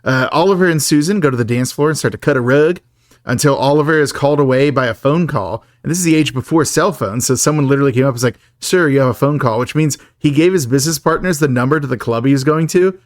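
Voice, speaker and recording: A man's voice: medium pitch, quick pace, dry recording, studio quality. A man co-hosting a podcast, recapping a film in a chatty, joking way and laughing often. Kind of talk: casual chat.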